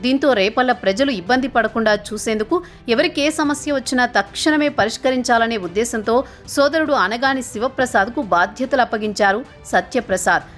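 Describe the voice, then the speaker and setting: A woman reading a scripted news voice-over in a measured, formal way. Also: on the high side, a bit bright. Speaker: news narrator.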